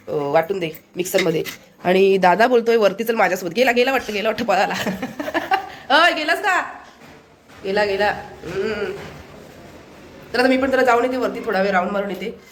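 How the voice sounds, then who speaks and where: A woman's voice: mid-range voice, a little hiss or hum. A woman with a Konkan Marathi accent, chatting casually through a home vlog and showing things to the camera. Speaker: vlogger. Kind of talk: casual daily vlog narration. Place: family home, indoors.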